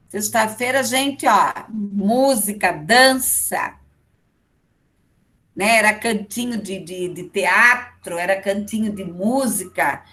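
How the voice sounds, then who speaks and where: A woman's voice: medium pitch, sharp tone. Brazilian woman lecturing conversationally. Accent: Brazilian Portuguese. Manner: conversational, with frequent check-in tags to the class. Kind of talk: online lecture.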